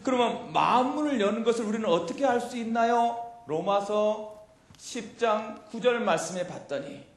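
A middle-aged man preaching a youth sermon into a handheld mic in a church hall, animated and quizzing his listeners with questions. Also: high voice, moderate pace. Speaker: pastor. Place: church hall with chalkboard, indoors.

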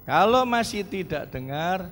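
An unhurried male doctor explaining step by step, voiced by a man. The words are slow and measured and ring in a reverberant hall. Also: high-pitched, expressive, a bit bright. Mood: advising. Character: calm male doctor giving advice.

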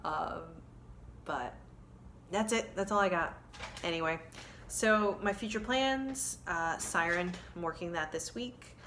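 Her voice lowish, slow and slightly bright, this woman in her thirties talks to camera about cross-stitch from a living room full of children's toys. The phone is at arm's length, picking up slight background noise as she rambles, fixes her words and fills gaps with ums.

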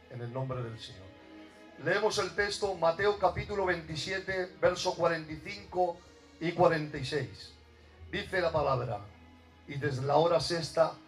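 A man preaching a fervent evangelical sermon at a church service, often shouting with passion. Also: a little high. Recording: distant mic with music behind.

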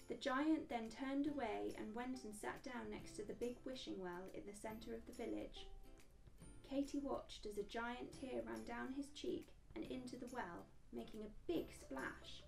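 A woman, a children's book author, reading a picture book aloud with gentle, expressive storytelling. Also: fairly high pitch, vocal fry, far from the mic.

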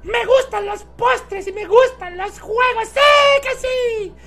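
A man's voice: very high-pitched, takes it slowly, sharp tone, faint music behind, pitched above the performer's own voice, full character voice. A man doing a squealing giddy little girl. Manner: squealing, sing-song and giddy. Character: bubbly, childish young girl, overeager and naive.

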